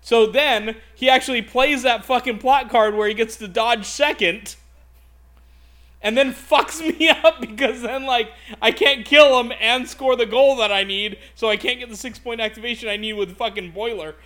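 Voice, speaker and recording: A man co-hosting a casual podcast chat, telling animated, profanity-laced stories about his games. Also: extremely high pitch, moderate pace. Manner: animated, profane ranting storyteller. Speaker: podcast co-host.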